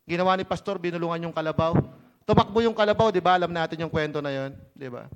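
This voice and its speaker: A man preaching a sermon as pastor, lively and conversational, mixing in English phrases and often checking in with the congregation. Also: on the high side, fast, clear, resonant tone, dull audio.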